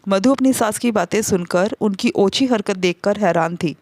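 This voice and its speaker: A woman narrating a scripted family story in a steady, measured way. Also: mid-range voice.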